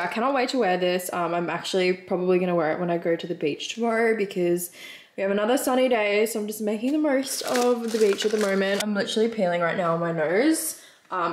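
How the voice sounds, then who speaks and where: A woman in her twenties with an Australian accent chats casually and gushingly in a vlog-style unboxing. Her voice is medium-pitched, and there is a slight hiss or hum on the recording.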